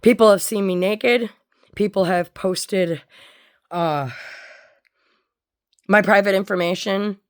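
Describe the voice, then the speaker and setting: A woman giving a candid personal monologue in a blunt, sweary way, often halting as she searches for words. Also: medium pitch, smooth. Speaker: personal storyteller.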